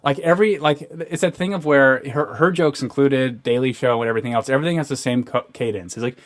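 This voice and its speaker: A man's voice: medium pitch, quick pace. Young man ranting on a podcast. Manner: ranting, sardonic, many restarts and fillers. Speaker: podcast co-host. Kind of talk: casual podcast chat.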